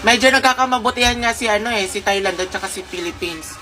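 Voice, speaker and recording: A woman's voice: medium pitch, fast talker, bright, forceful tone. A woman chatting casually to her phone camera, gossiping and telling stories straight to her followers. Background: background music.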